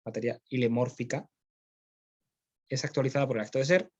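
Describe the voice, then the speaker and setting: A man with a Spanish accent from Spain teaches philosophy in a classroom lecture, explaining step by step and checking in with his students. His mid-range voice is brisk with a darkish tone, and the audio is dull.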